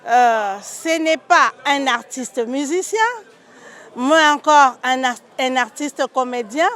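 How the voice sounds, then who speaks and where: Congolese woman talk-show host, high voice, measured pace, code-switches French and Lingala. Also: a bit bright.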